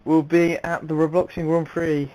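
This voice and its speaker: A young man commentating on an amateur racing league, excitable and rambling, with many fillers and restarts. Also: on the high side, normal speed, poor audio. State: out of breath. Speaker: race commentator.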